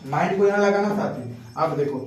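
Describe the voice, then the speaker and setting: A man's voice: on the high side, expressive, fairly quick, slight background noise. A male math teacher in a classroom, asking students questions over and over and checking that they understood. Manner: repetitive call-and-response, keeps checking if students understood. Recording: very echoey classroom, distant mic.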